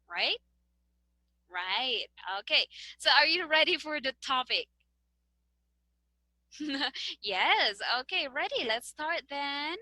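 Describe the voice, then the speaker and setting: A woman's voice: high voice, bright, forceful tone, rough recording. A woman with a Filipino English accent giving a classroom demonstration lesson, patiently guiding students with questions and light laughs. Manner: patient, guiding questions with frequent okay and right. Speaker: teacher.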